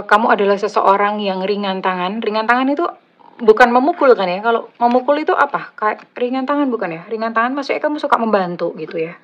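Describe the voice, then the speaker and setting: A woman with an Indonesian accent and a slightly husky voice, doing a casual, chatty tarot reading for her viewers, teasing and joking as she goes. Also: medium pitch, a bit bright. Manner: chatty, teasing, laughs at own jokes. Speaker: tarot reader. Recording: slightly dull lo-fi audio.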